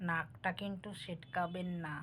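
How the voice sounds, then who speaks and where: A woman's voice: on the low side, steady tone, normal speed, a bit bright. Middle-aged woman vlogger, homely cooking chatter, talks straight to viewers, faint household noise behind. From Bangal family, East Bengal roots. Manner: homely, talks directly to viewers, asks for comments. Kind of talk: casual chatty narration while cooking.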